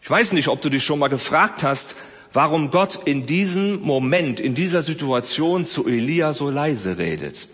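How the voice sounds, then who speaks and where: A man preaching a sermon, swinging between loud emphasis and soft, close speech. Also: on the high side, animated, normal speed, husky, big-room sound. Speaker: pastor.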